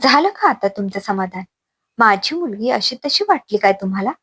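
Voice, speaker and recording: A woman voicing a furious mother who shouts at her son-in-law to defend her daughter in a family story. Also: mid-range voice, animated, moderate pace, breathy edge, no room sound. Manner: shouting, fierce.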